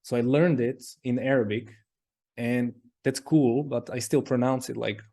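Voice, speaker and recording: A man appears as an interview guest in a casual conversation, rambling through loose sentences packed with "like." His mid-range voice is mellow and steady in tone, and he speaks unhurriedly.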